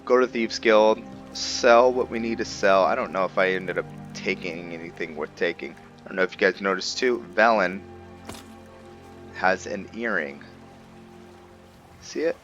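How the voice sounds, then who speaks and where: A gaming video host with a deep, slightly slow and somewhat bright voice chats informally with his viewers, thinking aloud in casual roleplay commentary. The recording is muffled, with soft music in the background.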